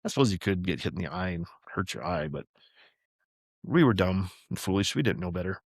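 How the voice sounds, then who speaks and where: A man's voice: deep voice, animated, a little fast, gravelly, dry recording, studio quality. An older man hosting a podcast, reading a family memoir aloud and drifting into chatty, rambling asides that he corrects as he goes. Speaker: podcast host.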